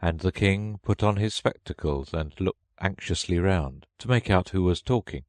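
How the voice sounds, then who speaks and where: A man's voice: sits low, normal speed, a little mellow, dry recording. A man reading a children's story aloud as scripted audiobook narration.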